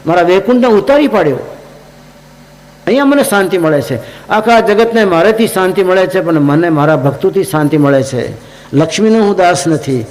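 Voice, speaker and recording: Anguished deity calling for his devotee , put on by a male preacher; high, pleading cries, long reverb. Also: darkish tone. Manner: crying out, pleading.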